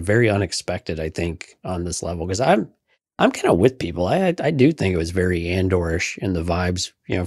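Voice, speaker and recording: Easygoing male podcast co-host, low voice, dry close sound, chatty and joking. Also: darkish tone, dry recording. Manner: easygoing, joking, stumbling restarts. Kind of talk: casual podcast chat.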